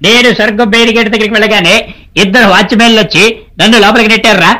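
A freshly woken passenger grumbles and rambles in a bright, tense voice, as a man acts him out. He rattles along extremely fast. It sounds like a comic audio sketch. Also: sits high, steady tone. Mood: grumbling. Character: drowsy, boastful male passenger telling his dream.

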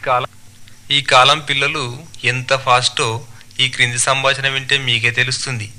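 A man telling a string of jokes in a lively, animated manner, switching into character voices. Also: mid-range voice, moderate pace. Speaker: joke teller. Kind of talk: comic storytelling.

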